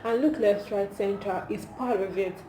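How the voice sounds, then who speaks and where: At a normal speed and mid-range pitch, this Nigerian-accented woman films herself for a funny vlog, chatting casually with lively emphasis and rhetorical questions. Her phone camera picks up an echoey room and noticeable background noise.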